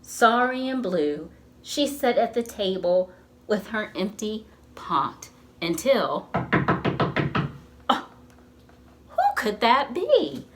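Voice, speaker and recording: Reading aloud from a picture book for young children, this library storytime reader has a medium-pitched woman's voice. Her pace is slow and her manner animated and expressive, and she asks the listeners questions; a little hiss or hum can be heard.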